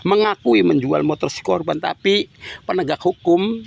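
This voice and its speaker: A grieving middle-aged father makes an impassioned public plea to the authorities, repeating himself and respectfully addressing them again and again, ending his phrases with "Pak." His voice sits high with vocal fry, at normal speed, and the recording's highs are cut off.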